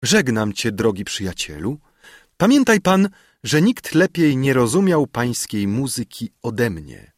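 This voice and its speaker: A man's voice: mid-range voice, very animated, unhurried, no room sound, studio quality, voice pushed up. A man reading aloud, voicing a gracious noblewoman bidding a tender farewell.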